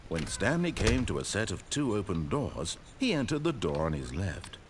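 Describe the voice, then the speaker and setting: Sardonic, deep-voiced male game narrator. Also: huge pitch swings, normal speed, background noise. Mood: measured, storytelling. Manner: pompous, dry sarcasm. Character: wry, omniscient male storyteller, exasperated and sarcastic.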